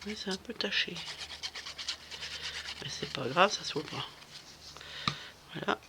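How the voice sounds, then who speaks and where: A woman's voice: lowish voice, takes it slowly, background noise. A woman vlogger chatting casually while she crafts at home, rambling and hesitant, full of fillers and restarts.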